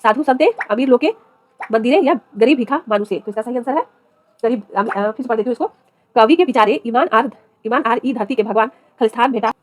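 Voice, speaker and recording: A woman, speaking fast in a fairly high voice, runs through quiz questions one after another. She reads each question and its options, then announces the correct answer. The recording is dry and close. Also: dry recording. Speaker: exam-prep teacher.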